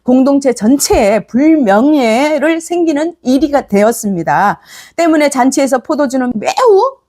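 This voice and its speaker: A woman's voice: high-pitched, big pitch swings, normal speed, a little mellow. Korean woman pastor preaching a sermon. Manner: storytelling, acting out the voices of figures; asks the congregation questions and answers them herself.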